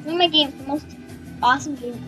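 A young female gamer chatting excitedly while playing, chanting words and breaking into screams. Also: high-pitched, fast talker, soft background music, rough recording. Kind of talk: casual gaming chat.

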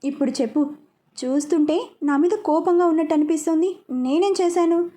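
A woman's voice: very high voice, brisk, dark tone, voice pushed up. Woman reading as a teasing young lover. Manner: playful, teasing. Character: teasing young man in love.

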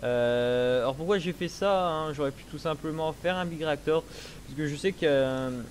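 A young man in a casual let's play, explaining his game setup slowly with many hesitations, speaking into a headset. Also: a little high, a little hiss or hum. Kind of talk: casual gameplay commentary.

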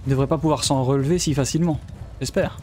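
A man's voice: medium pitch, steady tone, fast, dark tone, soft background music. A man from Belgium giving live commentary on his strategy game, thinking aloud and often trailing off mid-sentence. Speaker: let's play gamer.

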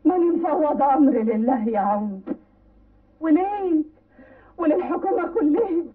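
A woman's voice: high voice, animated, normal speed. An actress playing a grieving, defiant village woman with an Egyptian accent, in an old film. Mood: desperate. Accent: Egyptian Arabic. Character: grieving, defiant village woman whose husband was taken. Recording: tinny, distant old film soundtrack.

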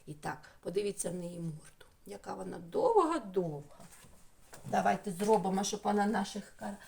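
A woman teaching a remote speech lesson to young children, sounding each syllable out clearly in a coaxing way. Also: mid-range voice, animated, normal speed, warm tone, a little hiss or hum.

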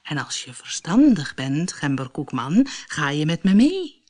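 A woman voicing a sly, smooth-talking male fox in a storybook reading, speaking low and persuasively. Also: very animated, unhurried, a little mellow, exaggerated voice. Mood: coaxing.

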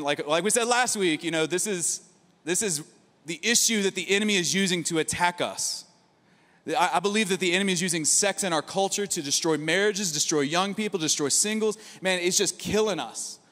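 A man in his thirties, a pastor preaching a sermon from a church stage into a handheld mic, talking in an energetic, conversational way with frequent asides. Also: high-pitched. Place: large church auditorium stage. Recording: long hall reverb.

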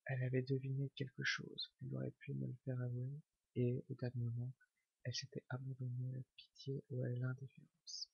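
A man giving a whispered ASMR reading of a novel, slow and hushed. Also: mid-range voice, monotone, creaky, breathy edge, no echo. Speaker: ASMR reader. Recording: dull lo-fi recording.

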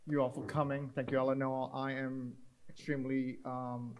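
A man, speaking as an artist on a panel on stage, measured and thoughtful with many restarts. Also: mid-range voice, flat delivery, dull audio. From Singapore. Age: 50s. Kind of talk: panel talk. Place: theater stage before an audience.

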